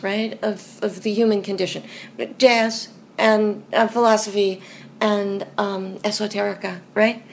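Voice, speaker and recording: A woman's voice: a little high, slight background noise. A woman hosting a podcast interview, summarizing her guest's story and checking she has it right. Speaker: podcast host.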